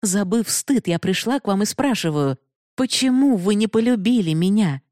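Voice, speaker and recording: A woman voices a proud, passionate young woman pleading bitterly for love, her delivery raised and emotional. Her medium-pitched, slightly mellow voice is expressive at a moderate pace, pitched a bit above her own yet close to an everyday voice. The recording is studio quality with no room sound.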